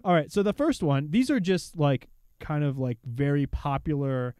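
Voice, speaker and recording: A man's voice: on the high side, big pitch swings, moderate pace, darkish tone, clear, resonant tone, no room sound, clean studio sound. A man co-hosting a podcast in casual chat, playful and teasing with mock innocence. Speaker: podcast co-host.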